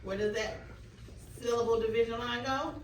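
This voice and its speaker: Lady teaching phonics, calm but firm, highish voice, far from mic in roomy classroom with faint noise. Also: moderate pace. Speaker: elementary school teacher. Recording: distant mic, echoey room, faint noise.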